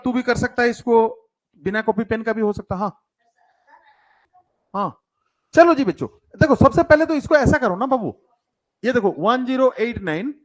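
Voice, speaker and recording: A man teaching children math in a live online class, coaxing and teasing his pupils and mixing English terms into his talk. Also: extremely high pitch. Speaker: coaching teacher for school entrance exams.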